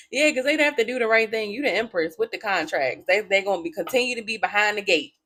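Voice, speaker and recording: With a mid-range, somewhat bright voice, a woman reads tarot casually for the people watching, talking to them directly. Her manner is blunt and profane, and laughter keeps spilling out.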